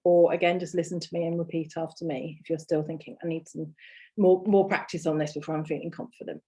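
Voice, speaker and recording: British woman, lowish voice, patient language teacher who repeats words slowly for learners. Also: little pitch movement, warm tone, husky. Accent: British English. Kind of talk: online language lesson.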